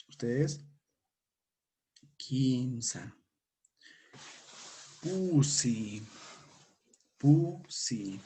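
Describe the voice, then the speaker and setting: A male teacher with a Peruvian Spanish accent leads a beginners' language lesson at an unhurried, deliberate pace. His voice is husky and breathy with a dark, mellow tone. He repeats each word patiently for his learners. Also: mid-range voice. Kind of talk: slow spoken language lesson.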